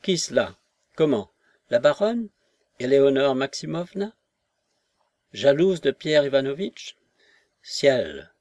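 A man's voice: mid-range voice, very animated, takes it slowly, long pauses, a little mellow, dry recording. A man reading an audiobook and voicing a fierce older woman revolutionary who speaks vehemently and pointedly. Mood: indignant. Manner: vehement, indignant, lectures pointedly.

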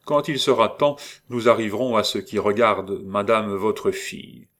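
A man reading aloud, voicing a methodical investigator who speaks with measured authority and pauses on "euh". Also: fairly low pitch, fairly bright tone, lightly acted. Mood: authoritative. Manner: measured, commanding, with hesitant "euh".

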